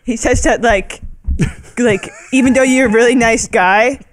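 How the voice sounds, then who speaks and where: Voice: mid-range voice, unhurried, background noise, natural voice. A game master voicing Chauncey, a young male horse who acts like a dopey jock and says "like" constantly. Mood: chummy. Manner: valley-girl filler talk, says "like" a lot; laughs in the middle of lines. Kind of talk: tabletop role-play voicing.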